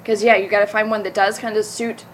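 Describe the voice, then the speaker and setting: A young Southern American woman, an actor, chats loosely in a casual interview, correcting herself and laughing easily. Her mid-range voice is fast with little pitch movement, and the rough recording carries a little hiss or hum.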